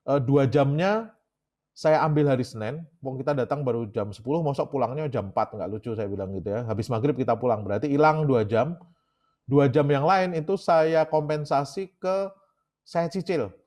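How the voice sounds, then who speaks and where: A man's voice: medium pitch, moderate pace, a little mellow. A man with an Indonesian accent giving a casual lecture, chatty and talking straight to his audience. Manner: chatty, keeps addressing the audience as "Bapak Sekalian".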